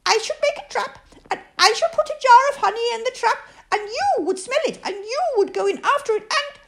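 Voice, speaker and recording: A woman reading a storybook aloud, voicing a small, timid, excitable male piglet in a squeaky, eager voice. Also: fairly quick, creaky, full character voice.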